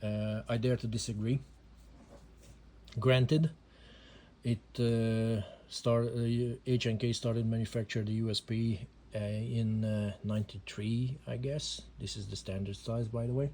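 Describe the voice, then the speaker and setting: A Hungarian man speaks English as a second language with a Hungarian accent, hesitantly explaining a handgun in a casual home video full of fillers. He's an amateur gun reviewer whose mid-range voice is warm, flat in delivery and unhurried.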